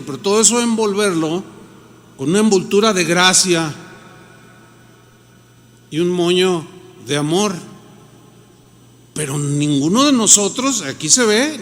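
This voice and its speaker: Recorded in an echoing hall, this sermon comes from a man whose high voice has a slightly bright quality. He is a pastor with a Mexican Spanish accent, speaking conversationally and performing the voices of anyone he quotes.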